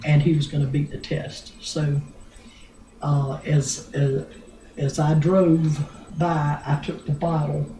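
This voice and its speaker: Slow, rambling older woman storyteller. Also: low voice, level tone, dark tone, slight background noise. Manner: slow and drawn out, many pauses and restarts; blunt, earthy, with mild swearing. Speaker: grandmother telling a family story. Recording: roomy home recording.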